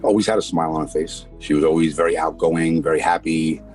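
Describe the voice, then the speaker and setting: Very deep-voiced father speaking plainly. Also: fairly even intonation, quick pace, darkish tone, faint music behind. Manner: plain-spoken, repeats himself for emphasis. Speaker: interviewee, father. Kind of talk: casual interview recollection.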